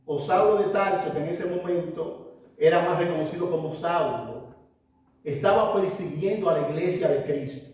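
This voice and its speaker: In a very echoey church hall, a man preaches a sermon from a distance, emphatic and urging, often repeating phrases. His voice sits high with a darkish tone.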